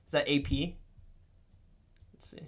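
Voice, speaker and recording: A young man livestreaming casual commentary, swearing freely and swinging between low mutters and excited outbursts. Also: unhurried.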